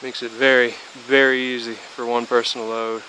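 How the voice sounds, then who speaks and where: Poor audio with a little hiss or hum captures a young man in his twenties, a DIY hobbyist, rambling casually through a how-to outdoors. He starts by a car and moves under a metal-roofed shed, talking at normal speed in a flat, mid-range voice. Sick and a bit spacey, he leans on fillers and restarts.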